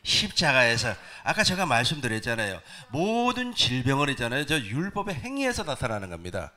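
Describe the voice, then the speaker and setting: A male pastor preaching a sermon to his congregation, animated, asking them questions. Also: medium pitch, a little fast. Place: church sanctuary.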